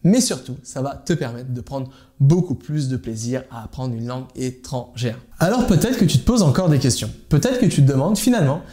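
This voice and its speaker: A man's voice: medium pitch, animated, brisk, mellow. A man giving an informal language-learning lesson, speaking straight to the viewer and repeating his key points. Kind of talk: informal teaching monologue to camera.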